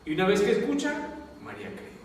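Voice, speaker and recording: Talking fast, with a high voice and huge pitch swings, a Peruvian-accented priest teaches the Bible and constantly checks in with his class. A little hiss or hum is audible, and the distant recording comes from a very echoey classroom or lecture hall.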